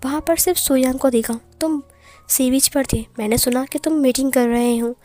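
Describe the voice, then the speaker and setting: A woman's voice: high-pitched, normal speed, dark tone, lightly acted. A woman voicing a playful, lovestruck young male omega who teases cheekily. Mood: teasing. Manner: teasing, cheeky.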